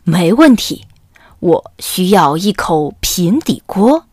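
A woman voicing a wise, kindly camel who talks slowly and calmly in a children's story. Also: medium pitch, no echo, studio quality.

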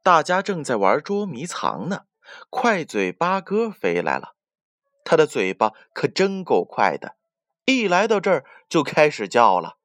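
Slow, very lively-voiced storyteller man. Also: a little high, no room sound, clean studio sound. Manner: gentle, speaks directly to children as babies. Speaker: bedtime story narrator. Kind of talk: children's bedtime storytelling.

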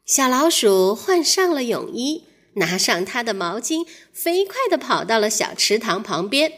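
A young adult woman reading a children's storybook aloud as a storyteller, in a slow, warm, expressive way. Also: fairly high pitch.

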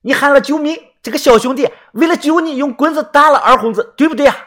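Guy doing a loud pushy villager, yelling his questions, pitched up. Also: fast. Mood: accusing. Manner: shouting, pressing. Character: loud blunt village man.

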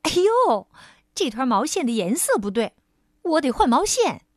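A woman's voice: sits high, very animated, moderate pace, no echo, clean studio sound. A woman voicing a busy, fussy farmer's wife in a children's storybook. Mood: startled. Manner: startled exclamation.

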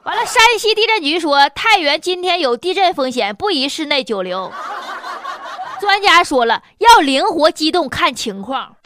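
A woman's voice: sits high, sing-song, moderate pace, noisy background. A woman with a Northeastern Chinese accent giving sarcastic, colloquial comic commentary on the news as a host.

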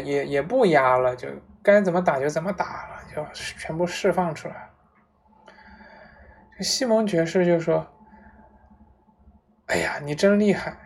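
Woman with a low voice telling a story casually, lots of um and restarts. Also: slight background noise. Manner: relaxed, with fillers and restarts.

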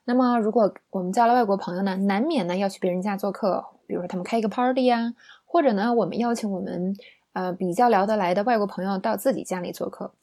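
A woman's voice: medium pitch, quick pace, warm tone. A young woman teaching an English lesson in a chatty, playful way, often asking her listeners rhetorical questions.

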